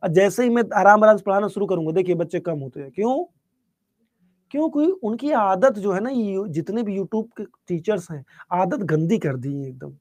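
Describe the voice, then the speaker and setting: Calm soft-spoken guy teaching an online class, a bit high but mellow voice, dry close sound. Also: moderate pace, no echo. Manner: reads out student chat questions and answers them. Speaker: online exam-prep teacher. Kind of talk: live online class, chatting with students.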